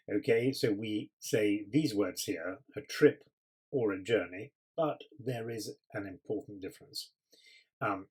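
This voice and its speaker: Husky low-voiced male teacher. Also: darkish tone, rough recording. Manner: clear, patient explanations with frequent ums. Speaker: English teacher. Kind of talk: explaining vocabulary lesson.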